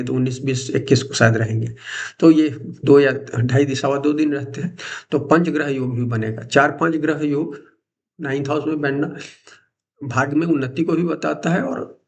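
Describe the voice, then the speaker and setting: Gravelly-voiced man giving an astrology lecture. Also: medium pitch. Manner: informal, loose teaching talk with restarts.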